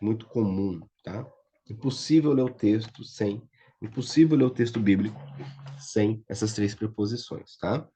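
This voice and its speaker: With a fairly low, dark-toned voice and a Brazilian Portuguese accent, a man runs an online Biblical Hebrew class. He's patient and regularly checks understanding with "tá?" and "certo?", all captured in muffled, lo-fi audio.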